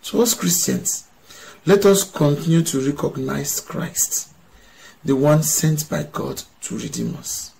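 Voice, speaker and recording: Slow, deliberate priest giving a homily. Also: male voice, fairly high pitch, expressive, gravelly, darkish tone, rough recording. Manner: slow, deliberate preaching, stressing key phrases. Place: small indoor room.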